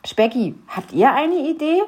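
A woman's voice: high voice, very animated, measured pace, darkish tone, slight background noise, pitched above the performer's own voice. A woman voicing an upbeat, eager young boy. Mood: reassuring.

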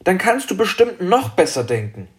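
A man voicing a lively, stubborn little girl in a raised, bright, insistent voice. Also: high-pitched, normal speed, pitched above the performer's own voice. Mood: coaxing.

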